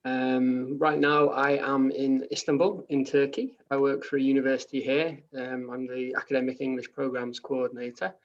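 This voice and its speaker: A Welsh man in his thirties, a guest speaker chatting casually on a video call, relaxed with lots of ums, trailing off quietly. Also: mid-range voice, moderate pace, few pauses. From Wales. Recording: dull lo-fi call audio.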